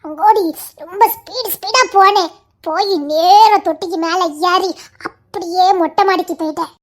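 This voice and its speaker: A shrill, very high young wife, played by a woman, childlike and petulant. She sulks and refuses in playful bursts, her voice piercing and bright. The style is that of a Tamil audio drama. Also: normal speed. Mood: tearful recounting.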